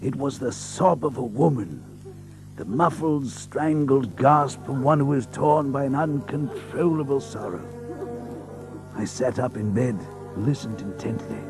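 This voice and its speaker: An actor playing an earnest, polite gentleman doctor who narrates and speaks in a radio drama, measured and courteous. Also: mid-range voice, music in the background, close to an everyday voice, poor audio. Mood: brooding, suspenseful.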